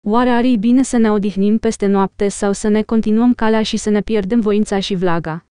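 A woman voicing a grim, determined male ranger leader in an audiobook, speaking in a steady, commanding way. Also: mid-range voice, smooth, dry recording, clean studio sound, lightly acted. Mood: earnest.

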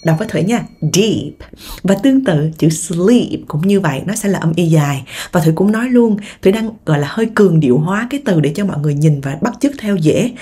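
A young Vietnamese woman teaching English vocabulary in Vietnamese. She drills each word slowly and explains quickly. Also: on the low side, expressive, mellow, breathy edge.

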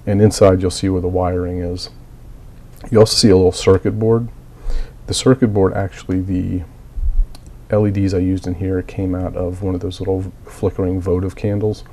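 Low-pitched and warm, this man's voice holds a level tone at a moderate pace. He is a miniature hobbyist on the mend from a cold, coughing here and there as he gives a casual, methodical, plain walkthrough of a hobby build, frequently using fillers.

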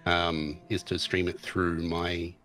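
A man with a deep, slightly bright voice speaks slowly and flatly over soft background music. He's a guest streamer chatting casually about his game while recovering from tonsillitis. He sounds hesitant, restarting often and saying um a lot.

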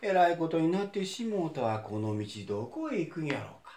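A man's voice: on the high side, sing-song, fairly quick, darkish tone. Man playing a dead acrobat, Kansai accent, fretful, echoey room. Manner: showy patter, then fretful muttering. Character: boastful male acrobat, freshly dead.

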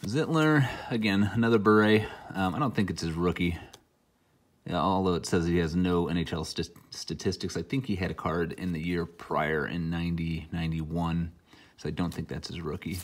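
A man's voice: low-pitched, fairly even intonation, moderate pace. A middle-aged man who is a little under the weather, giving casual, rambling commentary with dry asides as he hosts an unboxing. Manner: rambling, dry asides while naming cards. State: under the weather, mildly sick. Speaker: host opening hockey card packs. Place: indoor room at a table, hobby display behind.

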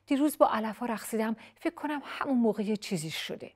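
A high, childlike little bird chick from a children's storybook, timid and whiny, as a woman storyteller puts it on. Its voice jumps well above her usual register and pleads with every line. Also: animated, darkish tone. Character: small timid bee-eater chick, whiny.

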